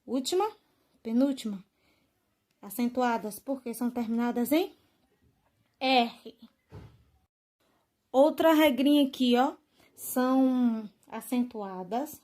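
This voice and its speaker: A woman teacher, giving a lesson to children, drawing out example words slowly and often checking that they follow. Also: on the high side, darkish tone. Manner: slow drawn-out stress on example words, frequent "né?" and "tá bom?" checks.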